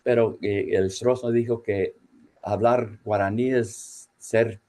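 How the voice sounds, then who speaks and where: A man speaks slowly in a low, dark voice, pausing often with fillers and restarts as he gives a conference talk. His pitch sits low and his tone is mellow. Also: steady tone. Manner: halting, many fillers and restarts. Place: university in Laredo, Texas.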